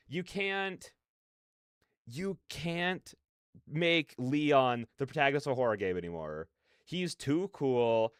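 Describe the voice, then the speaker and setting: A livestreamer who hosts reaction content chats casually with viewers, giving animated, slangy, rambling opinions. His mid-range voice is smooth, and the recording is dry and studio quality.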